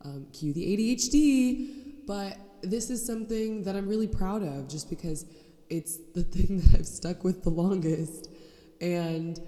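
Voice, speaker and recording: Nasal from a cold, a young woman rants bluntly and sarcastically on her own solo podcast, swearing freely. Her voice is lowish and dark, and she speaks at a measured pace. The sound is echoey and roomy, as if the mic is held wrong.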